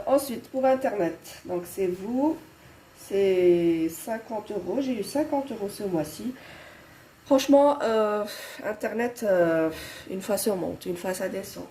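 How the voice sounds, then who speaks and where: Slight background noise sits under the mellow, mid-range voice of a Belgian French-accented woman in her thirties who has a head cold. Chatting casually with her viewers about her monthly budget, she hesitates a lot, with frequent fillers and restarts.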